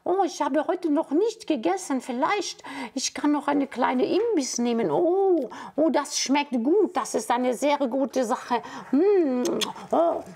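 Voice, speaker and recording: A woman's voice: high voice, animated, takes it slowly, gravelly, hardly any pauses, warm tone, exaggerated voice. A woman puppeteer voicing a silly crocodile who whines, speaks in broken grammar and loves eating books. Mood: whiny. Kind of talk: Bavarian puppet show.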